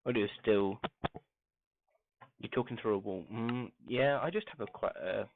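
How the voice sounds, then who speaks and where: A man streaming a game, talking softly and muttering to himself as he crafts, his grainy voice muffled as if heard through a wall. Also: fairly low pitch, moderate pace, slight background noise. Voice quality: grainy voice when quiet. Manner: talks softly, mumbling to himself while crafting. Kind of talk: casual live-stream gameplay commentary. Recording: muffled phone-like mic with faint music.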